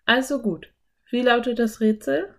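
Storybook: cautious, studious young boy, slightly high, questioning, voiced by a woman. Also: fairly even intonation, unhurried, gravelly. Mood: thoughtful.

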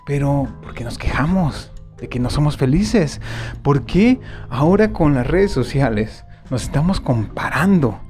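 A man giving a motivational monologue. He asks forceful rhetorical questions and then drops to hushed asides. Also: a little high, lively intonation, a little slow, faint music behind. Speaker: motivational speaker.

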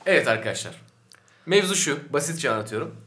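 A man's voice: fairly high pitch, lively intonation, brisk, bright, forceful tone, echoey room. A man hosting a casual podcast, arguing his case in a mock-indignant way with his friends. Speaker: podcast host.

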